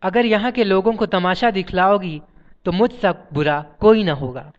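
A stern, cold husband snaps firm warnings, as a male narrator plays him. His voice is smooth and a bit high. The sound is dull and lo-fi. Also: moderate pace, natural voice. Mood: harsh. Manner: firm, threatening, raised voice. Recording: dull lo-fi audiobook recording.

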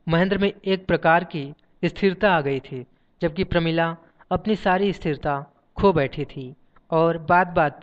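A man narrates a novel in a measured audiobook style. His voice is smooth and somewhat high. The recording sounds dull and lo-fi. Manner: measured, reads page numbers aloud.

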